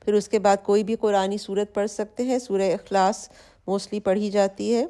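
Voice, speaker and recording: A woman teaching tajweed rules in a lesson, explaining in a plain conversational way and reciting prayer verses slowly with long drawn-out vowels. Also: mid-range voice, flat delivery, warm tone.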